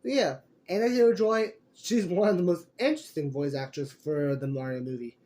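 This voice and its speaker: A young man with a noticeably high-pitched voice talks through an off-the-cuff review. He rambles and circles back, filling gaps with fillers and restarting his sentences. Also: steady tone, a little fast, mellow. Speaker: movie reviewer. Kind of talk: casual spoken review.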